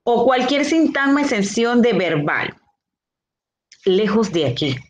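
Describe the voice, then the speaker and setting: A woman teacher giving a grammar lesson, explaining slowly and answering her own questions, with a Honduran Spanish accent. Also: a little high, sing-song. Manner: slow, explanatory, rhetorical questions.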